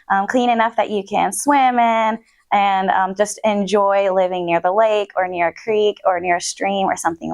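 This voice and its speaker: Chatty young woman with lots of ums. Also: mid-range voice. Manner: chatty, many ums and likes, laughs often. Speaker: interviewee, water quality chemist. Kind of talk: casual recorded interview.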